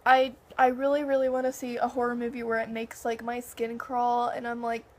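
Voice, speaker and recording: A woman's voice: a little high, fairly quick, a little hiss or hum. A young woman in casual chat, telling stories in a conversational way and acting out quoted dialogue. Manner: animated anecdotes with heavy filler "like" and quoted dialogue.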